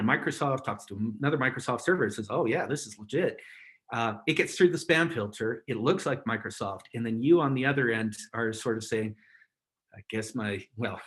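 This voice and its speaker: Guy talking thru a webinar on a call, loose and rambly, laughs a lot, middle pitch. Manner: chatty, rambling, chuckles often. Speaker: webinar presenter. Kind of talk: casual instructional talk.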